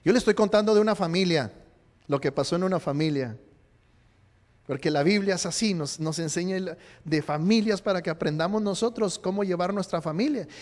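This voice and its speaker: A pastor delivers a sermon in a church sanctuary, playfully joking with his congregation and quizzing them. His voice sits high, brisk and darkish in tone. The long reverb of the church hall carries through the recording.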